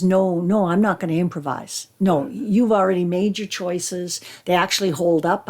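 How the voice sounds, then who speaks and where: A woman actor talking reflectively in an interview, with earnest, deliberate and emphatic phrasing. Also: lowish voice, darkish tone. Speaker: stage actor.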